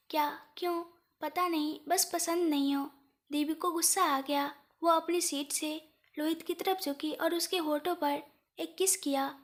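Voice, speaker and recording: A woman narrating a romantic drama story, reading every character in the same plain voice. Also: high voice. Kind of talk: scripted narration.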